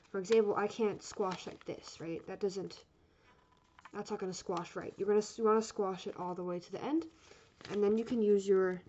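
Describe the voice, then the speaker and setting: A woman giving a casual step-by-step craft tutorial as an instructor, chatty and rambling, often apologetic and correcting herself. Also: medium pitch. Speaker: origami course instructor. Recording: dull lo-fi sound, steady noise.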